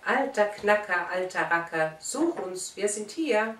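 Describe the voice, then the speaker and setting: A woman's voice: medium pitch, lively intonation, measured pace, a bit bright, pitched above the performer's own voice. A woman voicing a gang of mocking nuts chanting a sing-song taunt in a storybook reading. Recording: roomy, distant mic.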